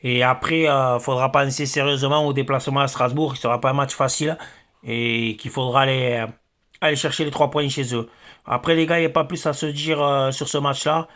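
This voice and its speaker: A man's voice: mid-range voice, steady tone, fairly quick, a bit bright. Stammering angry male football vlogger. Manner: hesitant, many fillers and stammers. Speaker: football fan channel host. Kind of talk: angry post-match rant.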